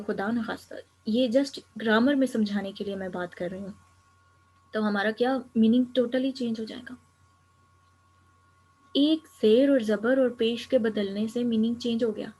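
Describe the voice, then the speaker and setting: A woman's voice: on the high side, a little mellow, breathy edge, rough recording. A woman teaching an Arabic grammar lecture, explaining each step patiently and slipping English terms into her talk.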